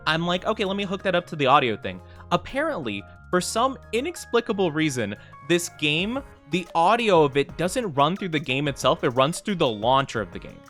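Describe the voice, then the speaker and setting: A man's voice: a little high, fairly bright tone. A man chatting casually as a live VTuber game streamer, with a cute, upbeat anime-streamer delivery, often repeating his phrases. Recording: music under the voice. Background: music.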